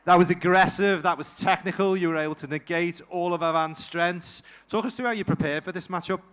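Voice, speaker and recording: A man commentating a grappling event and interviewing fighters, loud and energetic with the crowd. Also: high-pitched, brisk, clear, resonant tone. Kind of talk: live sports commentary and interviews.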